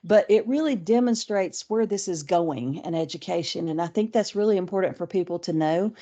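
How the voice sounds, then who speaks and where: Warm, low-voiced woman webinar presenter. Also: fairly quick. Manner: easygoing, thinks aloud with frequent restarts. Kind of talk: conversational online training talk.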